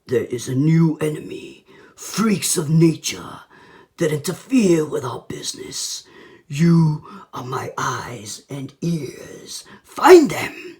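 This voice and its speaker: A man voicing a menacing, grandiose ninja clan master from a movie in a slow, solemn, breathy half-whisper. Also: fairly high pitch, very animated, a little mellow. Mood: menacing, commanding.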